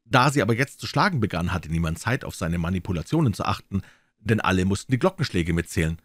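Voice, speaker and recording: A man reading a classic story aloud in a theatrical, lively storytelling manner. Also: deep voice, fast, no room sound, clean studio sound. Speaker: audiobook reader. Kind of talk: scripted story narration.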